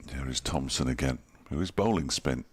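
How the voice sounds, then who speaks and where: Man, cricket commentary, extremely low voice, dry and wry. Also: lively intonation, normal speed, breathy edge. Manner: dry, wry and chatty, chuckles at his own jokes. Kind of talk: ball-by-ball radio-style commentary.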